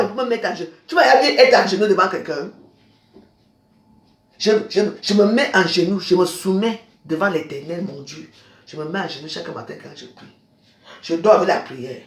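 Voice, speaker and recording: A woman's voice: lowish voice, slight background noise. Angry fifty-year-old woman ranting, echoey. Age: 50s. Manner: scolding, accusatory, shifts from shouting to quiet. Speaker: social media vlogger. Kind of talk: angry personal rant to camera. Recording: echoey room.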